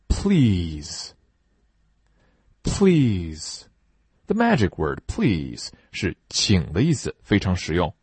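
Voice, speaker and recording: A man teaching English pronunciation, reading slow drawn-out model phrases for listeners to repeat between brisk explanations. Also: on the low side, a little mellow, slightly rough, dry recording. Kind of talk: online English lesson with repeat-after-me drills.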